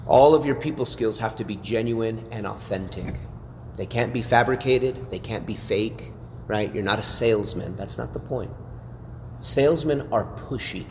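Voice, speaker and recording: Man, pastor teaching a class, animated, rhetorical questions, reverberant room, faint hiss. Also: lowish voice. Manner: animated, asks rhetorical questions, frequent "right?". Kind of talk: sermon-style teaching.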